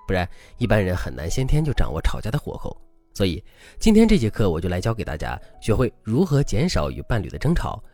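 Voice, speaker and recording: Animated fast-talking male advice host. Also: on the low side. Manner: animated storytelling, lecturing. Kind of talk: scripted advice narration. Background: faint background music.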